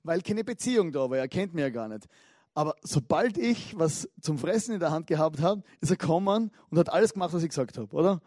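High-voiced preacher, dry sound. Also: male voice, a little fast, no echo. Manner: animated storytelling with frequent asides. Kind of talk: lively sermon.

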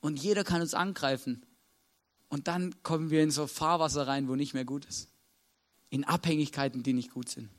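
A man's voice: a little high, fairly even intonation, moderate pace. A man with an Austrian accent preaching a sermon in a conversational way, checking in with listeners after nearly every sentence. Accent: Austrian German.

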